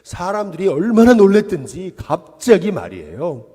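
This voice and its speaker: A man, the senior pastor, giving a dawn service sermon in a church sanctuary, telling the story in an animated way. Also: high-pitched, normal speed, husky. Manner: animated storytelling, acting out quoted voices. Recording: long reverb of a church hall.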